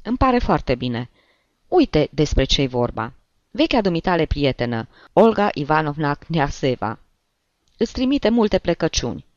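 A man's voice: a little high, big pitch swings, no echo, muffled recording. A man voicing a courteous, formal middle-aged uncle in an audiobook reading.

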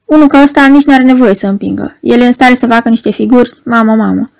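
In a storybook reading, a woman voices an agitated young male poet who erupts in excited, shouted protests. Her voice is very high and gravelly, with no echo.

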